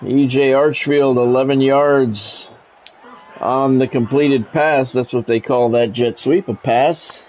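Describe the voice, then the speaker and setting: A gaming streamer calls a video game football match, blending announcer-style play-by-play with wry, grumbling and sometimes profane asides. His voice is medium-pitched, slow and a little mellow with fairly even intonation, and the recording is rough.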